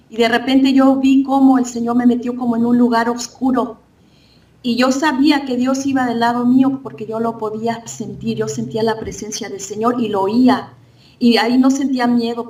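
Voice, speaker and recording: Heard from a distant mic, a woman with a fairly high, slightly mellow voice shares a spiritual vision as her church testimony. She speaks earnestly, often breaking off to start her sentences over.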